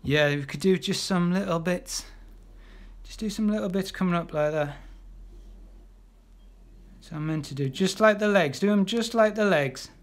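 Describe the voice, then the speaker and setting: A man's voice: sits high, normal speed, long pauses. A man leading a live draw-along painting class, chatty and encouraging, talking as he paints with lots of ums and restarts. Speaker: illustrator teaching a live art class.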